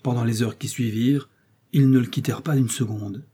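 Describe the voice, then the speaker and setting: A man narrates an adventure novel in a dark, warm voice with a husky grain. His reading is measured and dramatic. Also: mid-range voice, fairly even intonation. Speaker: audiobook reader. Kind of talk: scripted narration.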